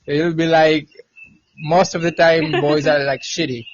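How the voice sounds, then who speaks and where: A young man in his twenties joining a casual live chat, talking quietly and hesitantly and often agreeing. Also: on the high side, level tone, a little slow, muffled recording, a loud crowd. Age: 20s. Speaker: chat guest.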